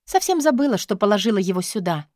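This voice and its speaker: A woman's voice: medium pitch, big pitch swings, fast talker, a little mellow, dry recording, clean studio sound, close to an everyday voice. A woman voicing a stubborn, capricious young assistant in an audiobook, petulant and feigning innocence. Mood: feigned innocence.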